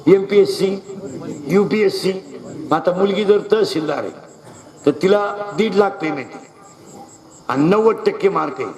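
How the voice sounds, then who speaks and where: High-voiced man teasing a loud crowd. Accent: Marathi, western Maharashtra. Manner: teasing, quizzing the audience in quick call-and-response. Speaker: stage comedian. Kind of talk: comic stage talk to a festival crowd. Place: outdoor festival stage. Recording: echoey outdoor stage, loud crowd. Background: loud crowd noise.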